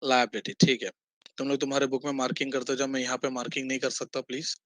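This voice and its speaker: A man's voice: medium pitch, flat delivery, fast talker, dry recording. A man teaching an online accounting class, quizzing students and mixing English terms into his Hindi.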